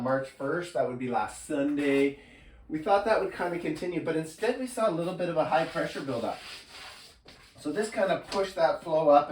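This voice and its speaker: A man with a cold giving a relaxed, rambling local weather recap and forecast, a little drowsy. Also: a little high. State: stuffed up with a cold. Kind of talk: casual weather recap vlog. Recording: roomy echo, distant from the mic, faint noise.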